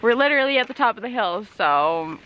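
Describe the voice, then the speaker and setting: A woman's voice: fairly high pitch, animated, a little fast, muffled recording, slight background noise. Giggly young woman vlogging outdoors. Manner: giggly, teasing. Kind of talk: casual vlog chat. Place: snowy forest trail outdoors. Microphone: handheld camera at arm's length.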